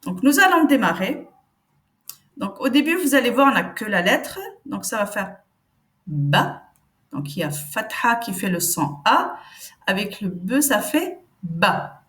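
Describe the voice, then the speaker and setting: Patient woman teaching slow reading drills. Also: mid-range voice, very animated, a bit bright. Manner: patient, slow demonstrations of each syllable. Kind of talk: step-by-step reading lesson.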